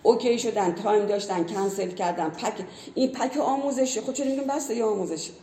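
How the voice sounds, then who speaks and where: A woman's voice: medium pitch, dark tone. Earnest woman teacher in a roomy echo. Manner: earnest, explains with many spoken examples. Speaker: language teacher. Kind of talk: explanatory conversation.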